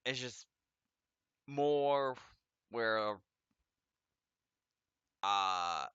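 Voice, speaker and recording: Bright-voiced man with a slight lisp. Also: medium pitch, expressive, very slow, clear, resonant tone, dry recording, lo-fi sound. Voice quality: speech impediment, trouble with S and R sounds, a slight lisp. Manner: stumbles over foreign words, self-correcting and chatty. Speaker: let's play host. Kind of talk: casual gameplay commentary, reading game text aloud.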